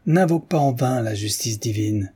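A man reading aloud voices a stern, pious old servant who forcefully accuses the coachman. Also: mid-range voice, expressive, moderate pace, slightly rough. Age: older.

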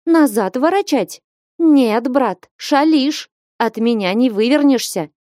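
A woman's voice: a little high, lively intonation, unhurried, darkish tone, no echo, studio quality, voice pushed up. A woman reading an audiobook voices a bold, bossy young village woman who scolds and commands sharply. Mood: scolding.

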